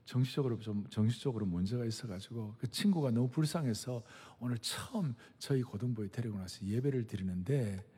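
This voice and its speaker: A man's voice: on the high side, creaky, warm tone, husky. An older man voicing a panicked young youth minister who pleads and cries out in alarm. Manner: urgent, pleading, crying out. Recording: long reverb of a big hall.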